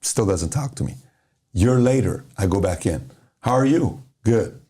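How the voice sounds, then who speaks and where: Middle-aged man from Iran, podcast guest; low, warm delivery, animated motivational storyteller who voices the people in his anecdotes. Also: unhurried. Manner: animated, acts out dialogue in stories.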